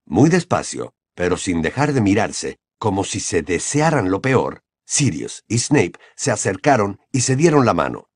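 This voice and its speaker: A male audiobook narrator with a fairly deep voice and a wide, lively melody. He reads a fantasy novel expressively, recorded close and dry with no room sound. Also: unhurried, hardly any pauses, slightly rough, no echo. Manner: expressive reading voice. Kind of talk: scripted narration.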